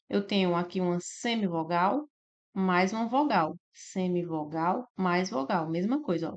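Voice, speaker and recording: Brazilian woman teaching grammar from slides. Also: medium pitch. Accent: Brazilian Portuguese. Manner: explains step by step, drawn-out syllables, frequent "né?" and "tá?". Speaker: exam prep teacher. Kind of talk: slide-based grammar lesson.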